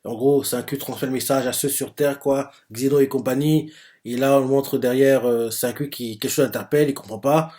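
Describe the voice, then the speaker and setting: A manga reaction channel host, a man with a mid-range, steady, dark-toned voice at normal speed, reads each page live and thinks aloud. He is hesitant and filler-heavy, often saying "euh" and "en gros," explaining as he goes and summarizing other characters' lines in his own voice.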